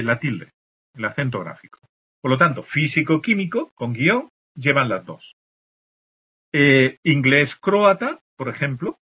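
A male teacher from explains the rules for written marks, saying example words slowly and checking in with the class again and again. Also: on the high side, bright, forceful tone, slightly rough. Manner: explains patiently, checks in with constant "¿de acuerdo?". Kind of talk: spelling lesson explaining accent marks. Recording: dull lo-fi recording.

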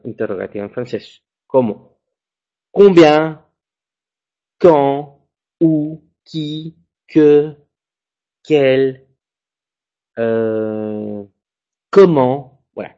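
A man's voice: a little high, a little mellow. Man teaching in a lo-fi recording. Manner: explanatory, checks understanding with "ya". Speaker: French teacher. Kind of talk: classroom lecture. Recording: dull lo-fi sound.

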